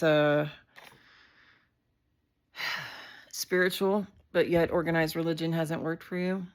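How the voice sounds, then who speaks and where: Low-voiced woman talking candidly on a live stream. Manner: heartfelt, candid, sprinkled with swearing and fillers. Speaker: community leader hosting a live video. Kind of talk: casual livestream talk.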